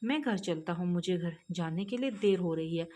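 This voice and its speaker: A calm young man who speaks gently and patiently, as a woman reads him. The voice sits slightly low and steady, reassuring rather than stern. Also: moderate pace. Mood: gentle.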